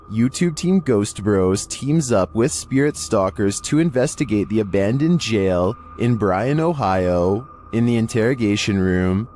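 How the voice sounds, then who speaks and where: A man's voice: lowish voice, darkish tone, a little hiss or hum. A man reading a scripted narration about paranormal investigations as the narrator.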